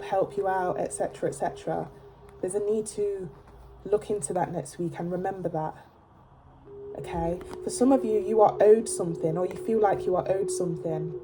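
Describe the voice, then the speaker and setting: Chatty woman reading tarot over music. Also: medium pitch. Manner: chatty, emphatic, repeats "okay?". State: blocked nose. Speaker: tarot reader. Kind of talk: casual tarot reading to camera.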